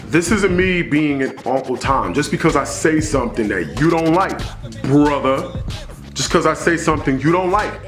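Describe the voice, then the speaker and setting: A man's voice: a little high, animated, moderate pace, soft background music. Emphatic man preaching in an echoey room. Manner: emphatic, preachy, repeats phrases for stress. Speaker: commentary vlogger. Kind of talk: opinion monologue to camera.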